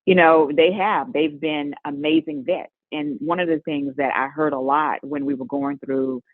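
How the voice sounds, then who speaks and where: A middle-aged woman being interviewed, telling stories in a lively way and laughing often. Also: deep voice, normal speed, dry recording. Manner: lively storytelling with frequent laughs. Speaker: guest, mother of an NBA player. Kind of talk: conversational interview storytelling. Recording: tinny phone-line audio, dry.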